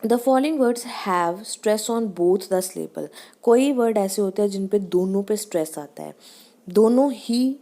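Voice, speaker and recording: A woman teacher giving a pronunciation lesson, reading English lines and explaining them in Hindi, drawing out each example word slowly to show the stress. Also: medium pitch, warm tone.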